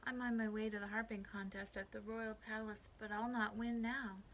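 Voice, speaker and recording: A woman voicing a kind, poor old man in a storybook, gentle and earnest. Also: mid-range voice, flat delivery, normal speed, a little hiss or hum, natural voice.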